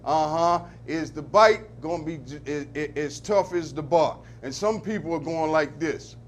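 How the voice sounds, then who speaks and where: A man delivering preacher-style commentary on local affairs, with an emphatic call-and-response cadence that surges to loud peaks. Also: fairly high pitch, a little slow, a little hiss or hum.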